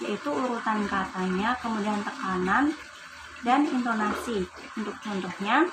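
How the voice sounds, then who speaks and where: A woman's voice: medium pitch, a little hiss or hum, low-quality recording. A young female student from Indonesia with an Indonesian accent, giving a class presentation. She reads English definitions and then explains them in casual, chatty terms. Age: young adult.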